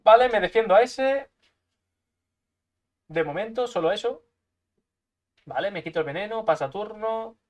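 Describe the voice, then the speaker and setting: A man's voice: high voice, lively intonation, moderate pace, long pauses. A man from commentating his own card game match, talking to himself, swearing a lot, making sound effects and breaking into frustrated outbursts. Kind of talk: gameplay commentary.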